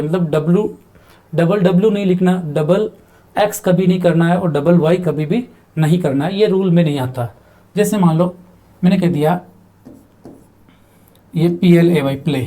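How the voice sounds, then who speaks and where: Male teacher, mellow and fairly high voice, patient classroom explaining, spells out words. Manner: explains slowly, spells words letter by letter, asks and answers his own questions. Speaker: English teacher. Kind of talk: spoken grammar lesson at a board.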